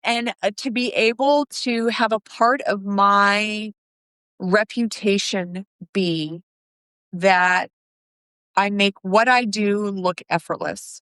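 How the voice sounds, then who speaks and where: A woman's voice: mid-range voice, fairly even intonation, takes it slowly, fairly bright tone, smooth, dry recording. Emphatic woman podcaster, dry close sound. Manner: emphatic, storytelling with acted quotes. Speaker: podcast co-host; corporate event planner. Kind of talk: casual chat.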